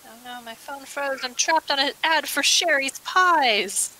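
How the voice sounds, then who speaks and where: A woman's voice: high-pitched, unhurried, pushed and bright, rough recording. A woman chatting casually and playfully during a game session, often breaking into laughter.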